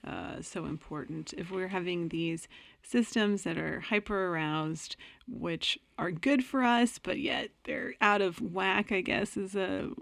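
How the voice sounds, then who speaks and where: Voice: medium pitch, measured pace, creaky, a bit bright, no room sound. An interview host asking questions and summarizing, with frequent encouraging murmurs. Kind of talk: conversational interview.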